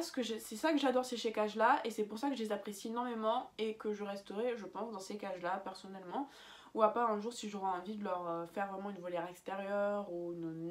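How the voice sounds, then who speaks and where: A young woman giving casual, chatty advice in a vlog, full of fillers and restarts and laughing at her own slips. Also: medium pitch. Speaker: bird-keeping vlogger.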